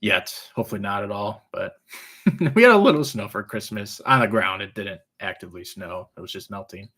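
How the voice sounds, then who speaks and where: Casual man with soft W-like R's. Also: lowish voice, animated, a little fast. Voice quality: trouble pronouncing R's, sounding them like W. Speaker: live stream host. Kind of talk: casual chat, answering viewer questions.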